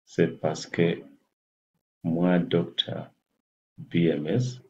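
In a small room, a forty-something health channel host with a Kenyan English accent and native fluency talks casually to the laptop webcam on his desk. He has a deep, gravelly voice and a flat delivery, pausing haltingly and speaking slowly as he looks for words. Audio quality is muffled and lo-fi.

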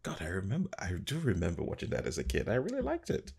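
A man in his thirties giving casual, musing reaction commentary in a halting way, recorded on a desk mic at home. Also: low-pitched, wildly swooping pitch, creaky, a little mellow, husky. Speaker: reaction video host. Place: small room at home, indoors.

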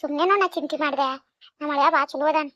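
A woman's voice: sits high, steady tone, fast talker, fairly bright tone, dry recording. A woman voicing a caring, worried older mother with a North Karnataka accent in a cartoon, chatty and fussing. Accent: North Karnataka Kannada. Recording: dry, dull lo-fi sound.

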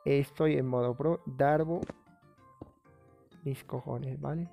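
A man streaming a game live, talking casually, rambling excitably and swearing often. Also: medium pitch, takes it slowly, gravelly, faint music behind.

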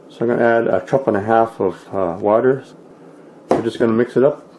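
An easygoing man talks through a casual food vlog at a middle pitch, pausing often with "uh" while he explains. There is a faint hiss behind him. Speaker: food vlogger. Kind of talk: casual vlog and cooking demo.

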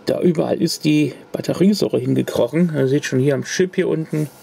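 Brisk and gravelly, this man's voice sits on the high side, with a dark, slightly rough tone. He's a retro computer hobbyist filming a casual show-and-tell vlog, showing off a corroded circuit card at his home workbench and rambling with fillers and false starts.

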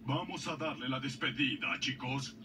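A man's voice: medium pitch, lively intonation, moderate pace, far from the mic, close to an everyday voice. An actor playing a huge, genial Bavarian muscleman action star in a cartoon dub. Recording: TV speakers recorded from afar, noisy.

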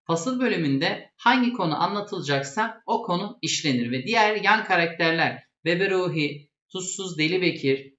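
A man's voice: high-pitched, a bit bright. A man presenting an explanatory lesson in a didactic way, restating terms plainly. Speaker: presenter explaining traditional theatre. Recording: echoey, dull lo-fi sound.

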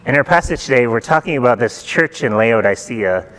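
A middle-aged man preaching a sermon in a church, retelling a folktale in a relaxed, conversational way and asking the congregation questions. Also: mid-range voice, brisk, slight background noise. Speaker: pastor. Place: church sanctuary.

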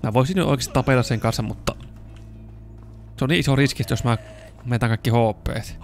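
Excitable Finnish man gaming. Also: mid-range voice. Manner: excitable, swears and yells when in danger. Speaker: gaming YouTuber. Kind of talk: casual let's-play commentary.

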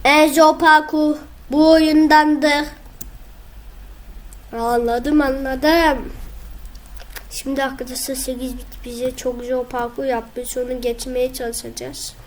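A young woman, casually commenting on her own gameplay, excitable and whiny when frustrated. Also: sits high, slow pace. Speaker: gaming video host.

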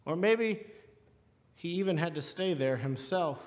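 A man's voice: a little high, lively intonation, a little slow. A man preaching a sermon, retelling a scripture story in an earnest storytelling manner. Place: seminary chapel. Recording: long hall reverb.

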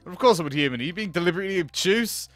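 Haughty female cat, condescending and formal; male performer. High, lively, dry close sound. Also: very fast, dry recording, faint music behind. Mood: prim. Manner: prim, condescending, overly formal. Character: snooty posh female cat, haughty and demanding.

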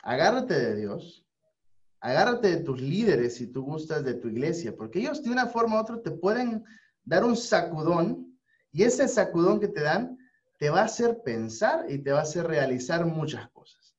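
A man's voice: fairly high pitch, big pitch swings, moderate pace. A man hosting a radio talk, speaking in an earnest, preacher-like way about faith and support. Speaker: radio host. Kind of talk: casual spiritual talk. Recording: dull lo-fi audio.

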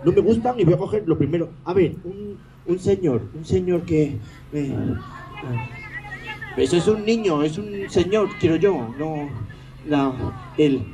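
A man's voice: sits high, a little slow, dark tone, some chatter behind, rough recording. A man doing stage comedy, teasing the audience in a sarcastic, mock-grumpy way.

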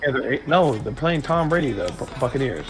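A man's voice: medium pitch, big pitch swings, a little fast. A man chatting casually during a video game as a teammate, slangy and blunt, with swearing. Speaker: streamer's gaming teammate. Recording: music playing behind. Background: music.

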